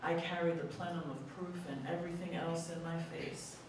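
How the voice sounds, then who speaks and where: A reader at a group poetry reading, delivering the verse deliberately and expressively. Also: medium pitch, steady tone. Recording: echoey hall, mic far off, audible room noise.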